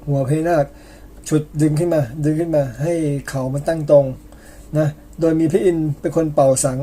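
A man's voice: a little high, fairly even intonation, moderate pace, warm tone. A man from Thailand narrating an old epic in a chatty, casual way, tagging his sentences with polite particles and slipping in personal asides. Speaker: storyteller.

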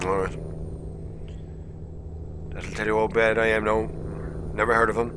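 A man's voice: on the low side, level tone, normal speed. A man with a west of Ireland Kerry accent, chatting casually and informally as he streams a game. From County Kerry, Ireland. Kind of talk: casual livestream chat. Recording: noisy mic with loud vehicle hum.

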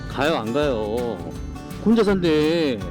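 Middle aged guy vlogging, loose dentures making words a bit mushy, swingy pitch, grumbly slangy banter. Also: very animated, takes it slowly, music in the background. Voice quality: slightly slurred, imprecise articulation from loose dentures. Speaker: vlog host. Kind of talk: casual walking-tour vlog commentary.

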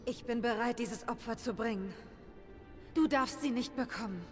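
Lara Croft, voiced by a woman, high and resolute. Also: moderate pace, faint music behind, lightly acted. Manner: resolute, forceful dubbed game dialogue. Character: determined young woman adventurer, principled. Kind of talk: video game voice acting, dubbed.

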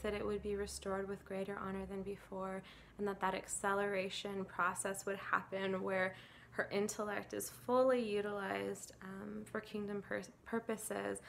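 Woman in her 30s, gravelly voice, earnest testimony, faint ambient hiss. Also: medium pitch, fairly bright tone. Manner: earnest and emotional, with frequent fillers and laughs. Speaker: church volunteer sharing a testimony. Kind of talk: casual spoken testimony to camera. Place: indoors against a plain grey wall.

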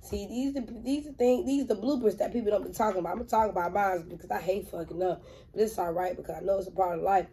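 A woman's voice: mid-range voice, fast talker, warm tone, low-quality recording. Blunt, profane woman chatting while eating. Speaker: mukbang vlogger. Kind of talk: casual chat while eating on camera.

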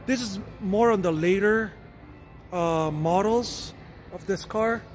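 A man's voice: sits high, slow pace, soft background music. A man, walking through a car museum and talking casually to camera, rambling and correcting himself as he goes. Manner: chatty, rambling, self-correcting, hedges often. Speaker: vlogger touring a car museum. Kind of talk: casual walkthrough narration. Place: indoor car museum hall.

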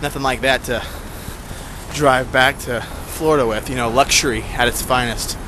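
A man in his thirties talks into a handheld camera at arm's length in a dry, sarcastic way. His voice sits in a middle register, and loud street traffic runs behind him. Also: mid-range voice, fairly even intonation, moderate pace. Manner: sarcastic, wry running commentary. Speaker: vlogger on a road trip. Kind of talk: casual vlog narration to camera. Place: city streets outdoors, later inside a truck cab at night. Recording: noisy street and traffic background.

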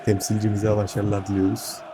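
A man's voice: fairly low pitch, completely flat delivery, fairly quick, noisy background. A man hosting live football commentary, often repeating players' names and short phrases. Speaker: football commentator and channel host. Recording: music and crowd behind the voice.

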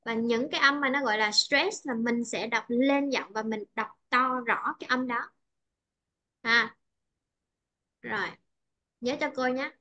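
High-pitched Vietnamese woman teaching English. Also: measured pace, long pauses, bright, forceful tone. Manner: patient, repeats and checks understanding often. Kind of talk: online English pronunciation tutoring.

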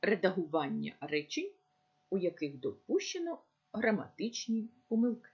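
A woman teacher giving a recorded lesson, speaking slowly and deliberately as if dictating. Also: medium pitch, sing-song, darkish tone, breathy edge, muffled recording. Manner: slow, deliberate dictation-like delivery.

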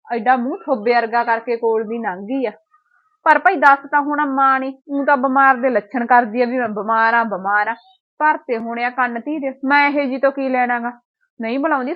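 An actress playing a resentful, sarcastic sister-in-law in a Punjabi short film, grumbling with a Punjabi accent. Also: female voice, fairly high pitch, lo-fi sound, lightly acted. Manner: grumbling to herself, sarcastic, needling. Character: resentful village sister-in-law, sharp-tongued. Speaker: actor.

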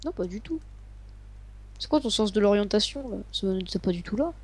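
A woman chatting casually while playing a game with a friend, excitable and playful, dropping in English gaming slang. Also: medium pitch, moderate pace, husky. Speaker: gamer co-host. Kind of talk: casual gameplay commentary.

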